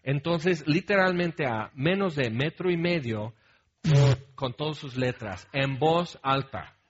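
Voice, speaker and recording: A male pastor with a Mexican Spanish accent delivers an unhurried sermon in a fairly high voice. He talks to the congregation as if chatting and keeps checking that they follow. The recording sounds dull and lo-fi. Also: expressive, husky. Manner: humorous storytelling with asides.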